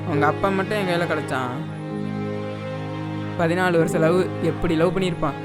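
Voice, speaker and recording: A man's voice: on the high side, normal speed, natural voice. A man playing an offhand young man who brushes off his friend's fears. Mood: earnest. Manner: dismissive, casual. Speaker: roommate. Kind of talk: short film acting. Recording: film soundtrack with loud music. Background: film score.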